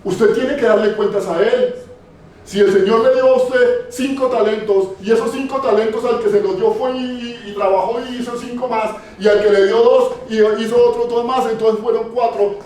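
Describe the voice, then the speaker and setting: A male preacher with a high voice delivers an emphatic sermon, hammering points home by repeating them. He is heard from a distance in a church hall with heavy echo. Faint room noise sits under the voice. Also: normal speed, a little mellow. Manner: emphatic, repeats phrases for stress. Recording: very echoey hall, voice far off.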